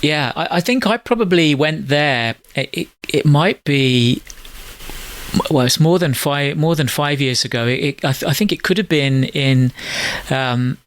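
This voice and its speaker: Another middle-aged man hosts a podcast through a call connection, his voice on the high side and his pace measured. He chats in a casual, meandering way, hesitating often and leaning on plenty of fillers.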